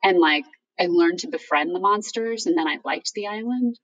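A middle-aged woman talking candidly on a video call, telling personal anecdotes in a halting, informal way as she thinks aloud. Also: fairly low pitch, a bit bright, muffled recording. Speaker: guest author. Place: room by a bright window, indoors. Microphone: video call, distant computer microphone. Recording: distant video-call microphone.

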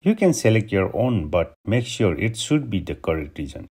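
A man from Nepal hosting a step-by-step software tutorial, giving steady instructions over a screen recording. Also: lowish voice, moderate pace, breathy edge. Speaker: tutorial host.

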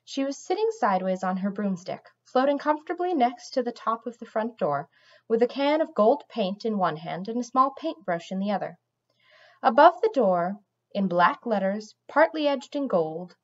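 Animated woman reading a storybook. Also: fairly high pitch, lo-fi sound. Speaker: audiobook reader. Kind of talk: storybook narration.

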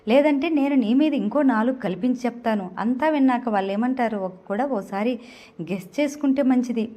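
A woman's voice: a little high, fairly quick, warm tone, lightly acted. Woman voicing a smug teasing young man. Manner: teasing, stubborn, smirking argument.

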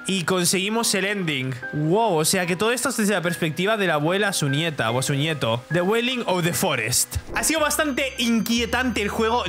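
A man's voice: high voice, sharp tone. A young man with a Spain Spanish accent, playing a game and chatting aloud as he reads its text and reacts. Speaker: gaming YouTuber. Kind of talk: let's play commentary. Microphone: studio desk mic.

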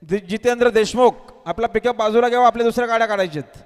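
High-voiced man over an outdoor loudspeaker. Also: racing, clear, resonant tone, long reverb tail. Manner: loud calls and instructions to the crowd. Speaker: race announcer. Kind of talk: live event commentary.

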